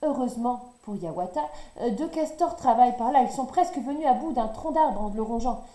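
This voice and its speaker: A woman reading a children's story aloud in a lively, expressive way. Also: on the high side, fairly quick. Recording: roomy echo.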